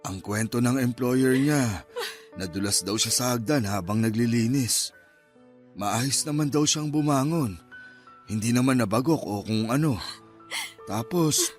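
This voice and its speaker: In a somber Tagalog radio drama with Filipino accents, an actor plays a steady elderly grandfather who speaks in a measured, consoling way. His voice is mid-range and natural.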